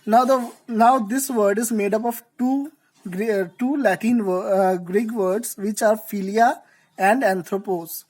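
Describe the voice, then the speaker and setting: Woman going through word roots slow and careful, like a class video. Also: mid-range voice, steady tone, darkish tone, poor audio. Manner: slow, deliberate explanations. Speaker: English teacher. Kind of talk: vocabulary lesson.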